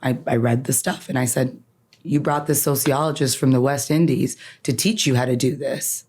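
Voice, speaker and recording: This woman has a bass voice, a little mellow and slightly rough, with a steady tone and moderate pace. Grown up in Canada with Farsi as her mother tongue, the attorney is a guest on a podcast interview, offering personal reflection in an earnest, emphatic way and frequently ending points with "right?"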